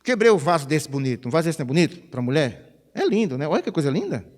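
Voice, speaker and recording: A pastor, preaching a chatty, conversational sermon. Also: male voice, on the high side, fast talker. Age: 50s. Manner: chatty, animated, peppers phrases with "né?". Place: church sanctuary. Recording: reverberant church hall.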